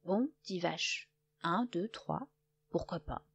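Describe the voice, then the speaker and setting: Woman playing a slow drawly storybook cow, easygoing. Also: on the low side, vocal fry, breathy edge, full character voice. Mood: unbothered. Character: calm slow-spoken cow. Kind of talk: children's storybook reading.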